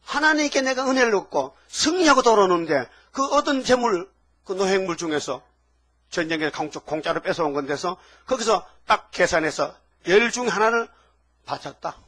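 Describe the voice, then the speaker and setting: High, bright-voiced preacher man with a husky edge. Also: animated, normal speed. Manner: emphatic, keeps prodding the audience with rhetorical "eh?"; colloquial storytelling with laughs. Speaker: pastor. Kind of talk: sermon.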